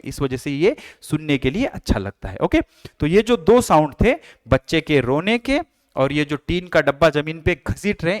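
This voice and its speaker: A man's voice: a little high, no echo. A man teaching a science lesson, mixing Hindi and English, asking and answering his own questions and playfully imitating sounds. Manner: reads English textbook lines slowly, then explains them.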